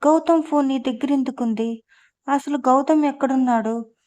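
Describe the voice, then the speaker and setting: A woman's voice: high voice, moderate pace, a little mellow, lightly acted. A woman reading the part of an impatient young woman demanding answers on a phone call.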